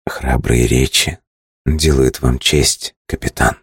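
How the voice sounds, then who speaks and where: A man reading aloud, voicing a defiant young captive woman who speaks in a low, hushed chest voice. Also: steady tone, measured pace, dry recording, clean studio sound.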